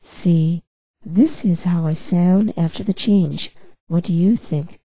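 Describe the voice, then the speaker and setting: A woman's voice, low-toned and dark with a husky edge, made by a man through a voice changer filter. Slow and dry, with faint music under it. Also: no echo, heavily acted, rough recording.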